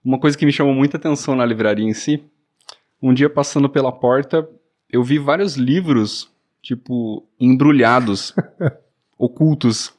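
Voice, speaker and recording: A man's voice: mid-range voice, moderate pace, darkish tone. A man hosting a podcast, asking questions in a friendly, chatty way. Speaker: podcast host. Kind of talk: casual podcast interview.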